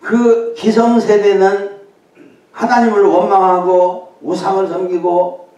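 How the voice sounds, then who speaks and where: An older man preaches in a church sanctuary, his voice a bit high for a man. He talks to the congregation in a conversational way, dropping in short affirming asides. The sound is very echoey and comes from far off. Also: level tone, takes it slowly, dark tone. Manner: conversational, with frequent affirming interjections. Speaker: guest preacher. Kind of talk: sermon.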